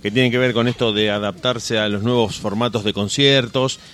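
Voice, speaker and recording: A man's voice: mid-range voice, fairly even intonation, moderate pace, a bit bright, slight background noise. A man hosting a radio show, speaking in long, flowing, friendly sentences as he wraps up an interview. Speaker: radio host.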